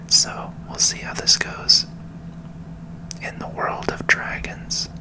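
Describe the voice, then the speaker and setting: This clip features soft, unhurried ASMR whispering over video game footage, the speaker right up against the microphone to create a calming effect.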